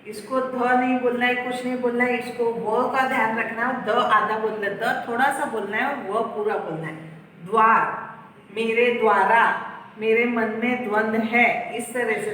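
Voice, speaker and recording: A woman's voice: on the high side, bright, forceful tone, a little hiss or hum. A woman teacher patiently explaining how to write and pronounce letters, step by step, in a lesson. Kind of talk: Hindi grammar lesson. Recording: echoey room, far from the mic.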